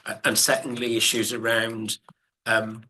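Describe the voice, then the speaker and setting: A man board member speaking over a video call, thoughtful and hesitant with many pauses and fillers. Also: medium pitch, monotone, bright, forceful tone. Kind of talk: meeting contribution.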